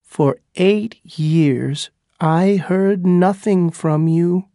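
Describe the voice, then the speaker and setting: Pocahontas, hurt young wife, as a narrator voices her, pitched up. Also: drawn-out words, mellow, dry recording, studio quality. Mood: reproachful. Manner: emotional, reproachful. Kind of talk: audiobook character dialogue.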